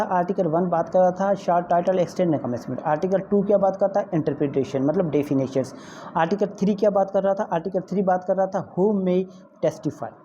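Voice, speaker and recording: A man with a Pakistani accent and a warm, high-sitting voice gives an informal exam-prep law lecture, mixing in English legal terms. He repeats points and keeps checking that students follow, heard through muffled, lo-fi audio with faint background noise.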